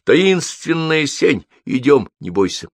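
A man's voice: fairly high pitch, very animated, slow, no echo, voice pushed up, full character voice. A man doing a cheeky gallant schoolboy. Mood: playful. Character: bold playful schoolboy in glasses.

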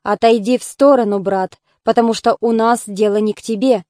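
A woman's voice: on the high side, fairly even intonation, moderate pace, mellow, dry recording, clean studio sound, close to an everyday voice. A woman reading the lines of a hostile, curt enemy soldier. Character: hostile male enemy soldier, proud of honor.

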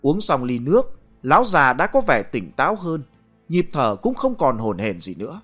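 A man narrating a ghost story aloud in a dramatic, expressive way. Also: medium pitch, normal speed, faint music behind.

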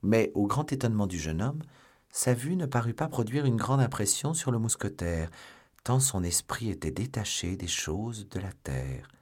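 A man narrating a classic novel aloud in a measured, even storytelling manner. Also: fairly low pitch, slightly rough. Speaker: audiobook narrator. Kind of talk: scripted literary narration.

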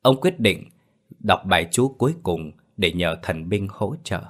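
A man narrating a horror story in a steady, dramatic way. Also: deep voice, measured pace.

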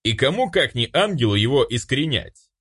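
Man voicing a pompous angel, preachy, animated delivery. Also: medium pitch, fairly quick, slightly rough. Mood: lofty. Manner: preachy, lofty. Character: pompous male angel, self-righteous. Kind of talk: audiobook character voice.

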